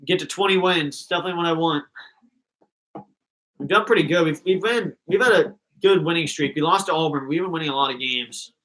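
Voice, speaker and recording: A man's voice: fairly high pitch, a little fast, fairly bright tone, low-quality recording. A young man hosting a live fan reaction stream, chatting casually and rambling between thoughts.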